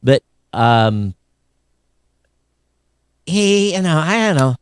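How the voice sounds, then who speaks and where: A man's voice: on the high side, very animated, very slow, smooth, no room sound. A man co-hosting a live podcast, rambling and grumbling like an old curmudgeon while he chats and reads out listener comments. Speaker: podcast co-host.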